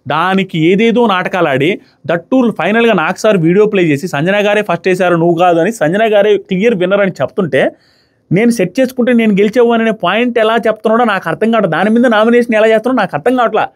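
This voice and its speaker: A man giving an emphatic, indignant review of a reality show. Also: high-pitched. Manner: emphatic, indignant, rapid-fire ranting. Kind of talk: opinionated review commentary.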